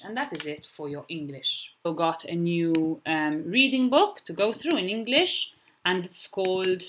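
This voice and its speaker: A woman with a Maltese accent, a primary school teacher recording a video lesson, speaking slowly and clearly and sounding out letters for young children. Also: lowish voice, a bit bright, a little hiss or hum.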